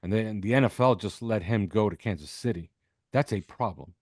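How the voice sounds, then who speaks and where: On a podcast, a male football analyst speaks spontaneously, pressing his points emphatically and dropping in short check-in questions. His voice is on the low side and darkish, he talks fairly quickly, and the studio recording is dry and clean.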